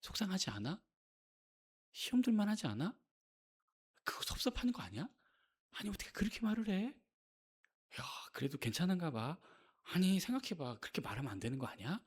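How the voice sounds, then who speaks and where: A man voicing a sly male devil who whispers to a listener, coaxing and needling in a hushed tone. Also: sits high, big pitch swings, brisk, pauses often, husky, exaggerated voice.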